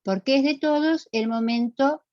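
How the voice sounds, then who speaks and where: A woman's voice: high voice, moderate pace, a little mellow, no room sound, muffled recording. A woman teaching an online class, explaining step by step and quizzing her students. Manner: explanatory, asks the class questions and repeats answers.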